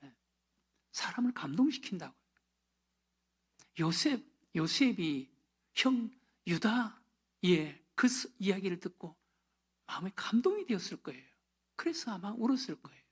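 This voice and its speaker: A pastor preaching a sermon, swinging from loud emphasis down to hushed whispers and dropping short affirmations between phrases. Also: mid-range voice, big pitch swings, unhurried, long pauses, breathy edge.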